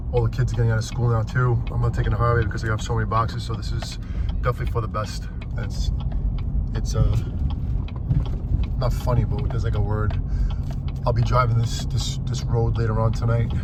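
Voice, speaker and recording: A man's voice: medium pitch, heavy background noise. A middle-aged man vlogging casually while loading and driving a truck, rambling with many restarts and fillers, filmed on a phone. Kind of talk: casual vlog talk. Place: in and around a truck.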